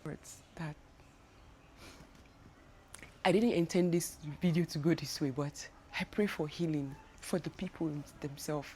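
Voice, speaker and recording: A woman's voice: low voice, unhurried, pauses often, darkish tone, slight background noise. A young Nigerian woman with a Nigerian accent, talking casually to camera in a travel vlog, chatty and full of restarts. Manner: chatty, many restarts and repeated words. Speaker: travel vlogger.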